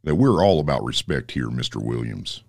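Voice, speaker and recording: Faceless network boss w/ a disguised super deep voice, calm, dry close sound. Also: male voice, moderate pace, creaky, dry recording, exaggerated voice. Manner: calm, steady, mediating. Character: anonymous male network boss, calm and in charge. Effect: disguised voice, pitched very deep. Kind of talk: comedy sketch.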